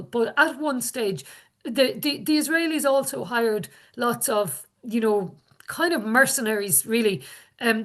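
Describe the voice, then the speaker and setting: Irish woman, west of ireland accent, slightly high voice, earnest activist giving an informal talk, repeats stuff to make her point. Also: fairly bright tone. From Galway, west of Ireland. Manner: earnest, repeats phrases for emphasis. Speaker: activist speaker.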